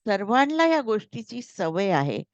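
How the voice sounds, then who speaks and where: A woman reading as a calm young boss. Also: mid-range voice, unhurried, dry recording. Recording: slightly dull, dry recording.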